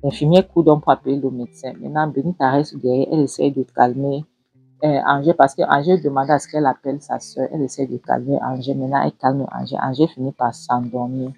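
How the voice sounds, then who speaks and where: A woman retelling scenes of a movie series, narrating plainly with halting fillers. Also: very deep voice, little pitch movement, creaky, dark tone, husky, no echo, soft background music, low-quality recording.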